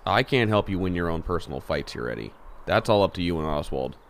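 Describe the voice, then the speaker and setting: Man playing Bruce, low-voiced level-headed schoolboy. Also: fast talker. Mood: firm, defensive. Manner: calm, dry, reasoning. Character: level-headed, popular, reluctant-hero teenage schoolboy Bruce. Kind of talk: amateur audio drama acting.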